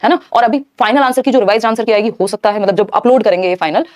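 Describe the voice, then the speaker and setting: Female tutor, live online lesson, rapid explanatory delivery, slightly high voice. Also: a little mellow. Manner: brisk, explanatory, talks to chat viewers. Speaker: teacher.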